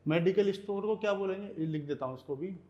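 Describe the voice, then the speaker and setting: A man teaching Russian vocabulary in Hindi, repeating each word slowly and checking in with "okay" as he goes. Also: high voice, a little mellow, highs cut off. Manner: repeats words slowly, often says "ठीक है". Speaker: language teacher.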